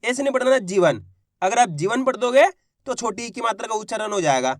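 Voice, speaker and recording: A patient man leads a beginners' reading lesson, asking a question and then answering it himself. He sounds out each syllable slowly and draws the long vowels out. His voice is close and dry, with no room sound. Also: extremely high pitch, lively intonation, no echo. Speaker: Hindi teacher.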